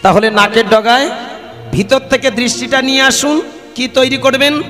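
Man, kirtan sermon, impassioned, sung chanting, very high voice, reverberant stage PA, faint music. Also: moderate pace. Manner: impassioned preaching, addresses listeners as father and mother. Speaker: kirtan singer and preacher. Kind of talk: devotional kirtan sermon with call-and-response chanting. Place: religious gathering stage, standing before devotees. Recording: long hall reverb over live PA with instruments.

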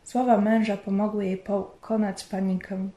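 Mellow woman narrating in a roomy space. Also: mid-range voice, level tone. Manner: measured, storytelling. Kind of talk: scripted narration. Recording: roomy echo.

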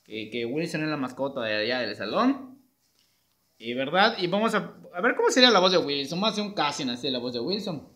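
A man's voice: a little high, sing-song, a little fast, sharp tone. A male schoolteacher chatting playfully with a puppet, sending greetings to his students and laughing easily. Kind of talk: casual chat with a puppet.

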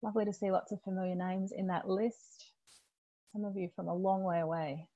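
A woman, a family lawyer, hosting a live webinar in a chatty, friendly way, her voice a little croaky. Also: mid-range voice, little pitch movement, a little fast, warm tone, no echo, highs cut off. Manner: chatty, friendly, greets attendees by name.

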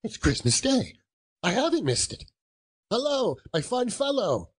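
A man's voice: mid-range voice, very animated, a little slow, darkish tone, slightly rough. A man voicing an elderly reformed miser in a storybook reading, jubilant and effusive, full of exclamations and chuckles. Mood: giddy, delighted.

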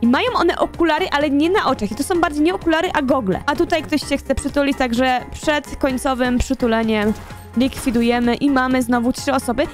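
A young woman with a high, light voice talks her way through a video game, thinking aloud and chatting with her co-player. Soft music runs faintly underneath her casual commentary. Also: fairly even intonation, brisk. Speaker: gaming YouTuber.

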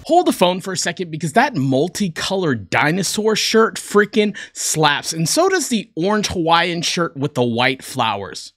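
Deep pitch-shifted voice, sarcastic commentator, from the South, animated pitch, dry close mic. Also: moderate pace, few pauses, no echo. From American South. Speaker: reaction video commentator.

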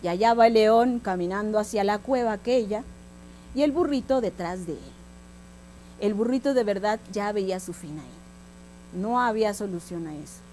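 A woman with a Mexican accent telling a children's story, lively, making sound effects and speaking straight to the listeners. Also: mid-range voice, moderate pace, slight background noise. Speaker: storyteller host.

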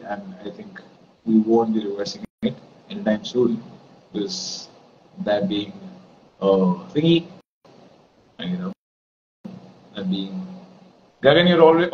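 Casting: male streamer in his twenties, Indian accent, rambling casual chat, mid-pitched voice, background noise. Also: a little mellow. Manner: rambling, switches between English and Hindi. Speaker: live stream host. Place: indoors, plain-walled room. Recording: dull lo-fi stream with clear noise.

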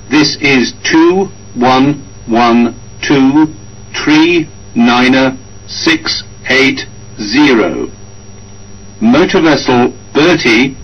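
A man sending a formal distress call over a marine radio, in slow, deliberate, spelled-out radio phrasing. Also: mid-range voice. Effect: marine radio transmission. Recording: muffled marine radio band.

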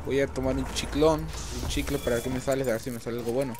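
A young man with a Mexican Spanish accent does casual gameplay commentary, swearing crudely and rambling through stories. He talks very fast in a level, medium-pitched voice over loud background noise.

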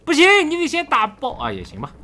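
A middle-aged man giving excitable, casual commentary during co-op gameplay, repeating words in quick bursts. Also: very high-pitched, soft background music. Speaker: gamer. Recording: game sound effects and gunfire behind.

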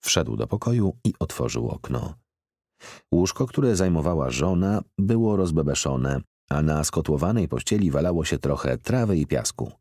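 A man narrating a literary audiobook in a measured, expressive reading. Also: very deep voice, breathy edge, dry recording. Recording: dry close studio recording.

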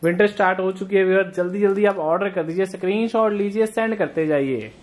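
A woman's voice: mid-range voice, quick pace, a little mellow. A woman co-presenting in a showroom, upbeat and urging viewers to order. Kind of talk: product showcase.

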